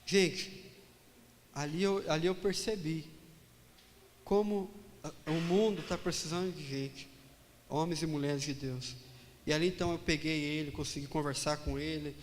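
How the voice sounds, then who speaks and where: A pastor telling a personal story in a sermon, animated and dramatic, acting out the dialogue. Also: male voice, a little high, normal speed, big-room sound, slight background noise.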